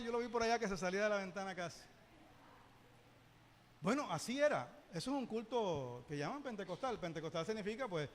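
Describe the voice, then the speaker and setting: A man teaching a Bible lesson in church, lively, with joking asides and rhetorical questions. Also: sits high, big-room sound, a little hiss or hum. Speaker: Sunday school teacher.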